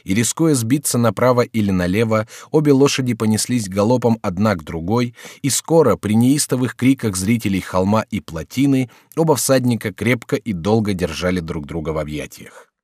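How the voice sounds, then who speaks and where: A man reading a historical novel as an audiobook narrator, measured and steady, in a studio. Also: fairly low pitch, no room sound. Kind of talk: scripted narration. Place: recording studio.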